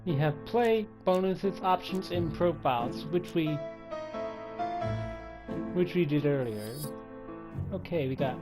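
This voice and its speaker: A man's voice: a little high, lively intonation, slow pace, long pauses, music in the background. Chatty man narrating a game menu. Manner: chatty, reads menus and counts items aloud. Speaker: let's play host. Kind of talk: casual gameplay commentary.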